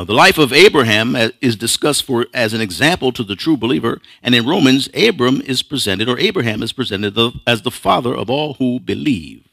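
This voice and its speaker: A man preaching a sermon as pastor, reading scripture plainly and then building into a chanting cadence punctuated by breathy "huh"s. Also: mid-range voice, a bit bright, no room sound, rough recording. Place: church sanctuary.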